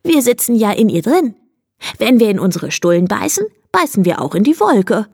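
Woman doing a gentle curious hare. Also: medium pitch, very animated, moderate pace, slightly rough, no echo, studio quality. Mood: eager.

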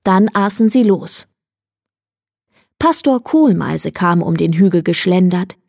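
A woman reading a bedtime story aloud in a slow, calm way, close to the microphone. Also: on the low side, gravelly, no room sound. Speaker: narrator.

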